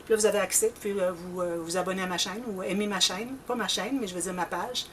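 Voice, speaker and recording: A woman's voice: mid-range voice, fairly even intonation, quick pace, distant mic, slight background noise. Chatty Québécois woman, a bit off-mic. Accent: Québécois French. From Canada. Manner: rambling, chatty, often clears her throat. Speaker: scrapbooking channel host. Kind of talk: casual chat to viewers.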